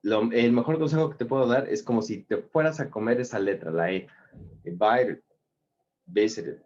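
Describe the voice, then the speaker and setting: A man with a Mexican accent teaching an English grammar lesson in Spanish, patiently repeating examples and filling pauses with "ajá" and "ujú.". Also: mid-range voice, lively intonation, a little mellow, lo-fi sound, a little hiss or hum.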